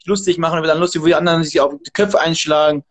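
A man's voice: a little high, fairly even intonation, very fast. A man, a martial arts trainer and guest, talking casually in an interview in an emphatic, motivational way.

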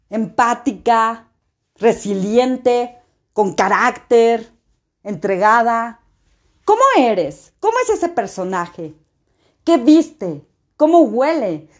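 A woman self-help coach giving an emphatic motivational talk, full of rhetorical questions. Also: fairly high pitch.

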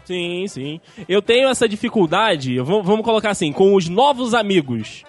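A man's voice: high voice, very animated, normal speed, soft background music. A man co-hosting a casual podcast chat, chiming in with brief, agreeable replies. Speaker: podcast co-host.

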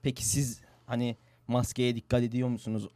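A man's voice: medium pitch, level tone, a little fast, warm tone, no echo. Earnest young radio host man. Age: young adult. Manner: earnest, agreeable, repeats his points. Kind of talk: casual radio chat.

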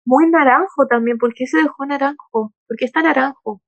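A woman with a Chilean accent co-hosting a casual chat, relaxed and joking with plenty of slang. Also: sits high, normal speed, no room sound. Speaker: podcast co-host. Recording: dull lo-fi, dry.

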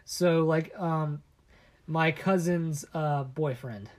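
A man co-hosting a casual chat podcast, telling stories in a halting way full of restarts and often dropping his voice low and conspiratorial. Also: darkish tone. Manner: halting storyteller with many restarts. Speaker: podcast co-host.

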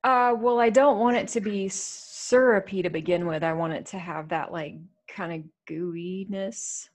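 A woman co-hosts a casual podcast chat. She is playfully indignant and works through her thoughts aloud with many fillers. Her voice sits at a mid pitch. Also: a little slow. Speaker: podcast co-host.

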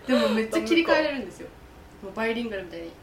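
A woman guest in a casual chat, talking quickly with frequent giggles. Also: on the high side, sing-song. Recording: roomy, with a crowd behind her.

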